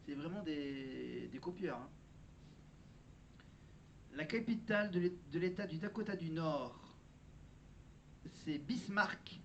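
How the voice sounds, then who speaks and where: A man's voice: fairly high pitch, animated, takes it slowly, gravelly, long pauses. A man talking casually in a vlog, sharing trivia and often correcting himself as he goes. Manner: chatty, self-correcting, presents trivia. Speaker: vlogger. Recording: dull lo-fi sound with faint background noise.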